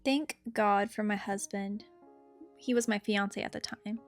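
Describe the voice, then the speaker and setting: A woman's voice: medium pitch, steady tone, unhurried. A young adult woman telling a personal story in a casual, chatty, conversational way. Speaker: storyteller narrating own experience. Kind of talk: casual story time narration. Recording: guitar music behind the voice. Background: guitar music.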